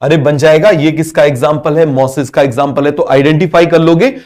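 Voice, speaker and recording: Constant questions and student repetition drive this biology class, where a male teacher mixes English terms into Hindi. He speaks briskly in a fairly high, steady, slightly mellow voice.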